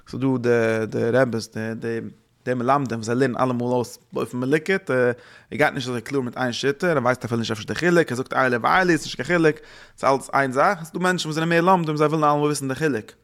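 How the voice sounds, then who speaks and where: A man giving a religious lesson, thinking aloud in halting phrases that he often repeats and restarts. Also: mid-range voice, fairly bright tone. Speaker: religious teacher.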